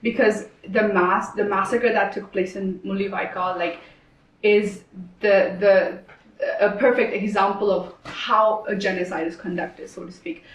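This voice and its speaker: A woman from Sri Lanka answering as a roundtable guest, halting, with many fillers and restarts. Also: medium pitch, steady tone. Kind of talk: conversational interview answers. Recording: echoey room, distant mic.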